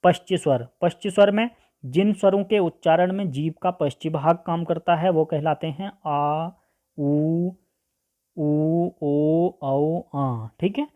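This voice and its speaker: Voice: medium pitch, slow, dark tone. A teacher giving an online grammar lesson, asking questions and answering them, sounding out vowels one by one, and checking in with "okay" after nearly every point. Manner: keeps adding "ठीक है" as a check-in; asks a question and then answers it.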